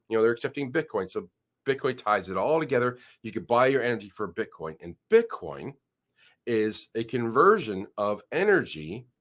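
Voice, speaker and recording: The man, a channel host, gives easygoing commentary on the news while his screen is shared. His voice sits on the low side with a fairly bright tone, carries a slight nasal quality from a cold, and stumbles through rambling stops and restarts.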